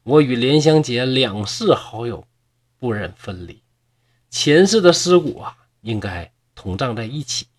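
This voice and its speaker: A man voicing a gentle young wife in a storybook tale, speaking softly and pleadingly. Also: mid-range voice, expressive, a little slow.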